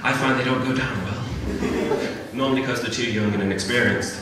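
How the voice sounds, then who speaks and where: A young man with a Liverpool accent runs through a chatty, self-deprecating stand-up set, capping lines with "right?" in a steady, brisk, mid-range voice. He's a comedian at a venue with a live audience, and the recording is very noisy, echoey and distant-miked, with laughter from the crowd.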